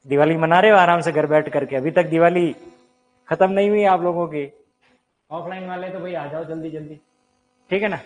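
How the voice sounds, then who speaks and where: Speaking a little high at a moderate pace with long pauses, a teacher leads a live online Hindi grammar lesson in front of a board. He talks straight to viewers, quizzes them, and supplies the answers himself, all in a low-quality recording.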